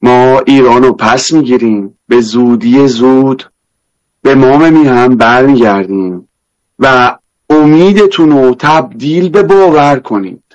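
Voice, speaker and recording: A man's voice: medium pitch, a little mellow, dull audio. A man with an Isfahani Persian accent giving an emphatic political address as a panel guest.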